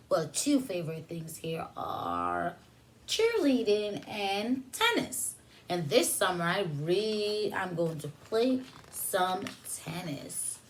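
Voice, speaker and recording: With a mid-range voice that's a little bright, a female preschool teacher reads aloud from a picture book for young children. She pauses to offer simple explanations and to put questions to her listeners.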